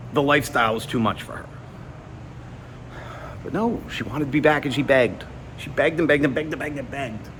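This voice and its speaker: A man in his forties speaks to his audience in a candid personal vlog monologue, his voice sitting in a middle register. He sounds earnest and confiding, pushing hard on some points and dropping low and quiet on others. A faint air conditioning hum runs underneath. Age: 40s. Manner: earnest, confiding, swings from emphatic to subdued. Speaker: YouTuber. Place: indoor gym.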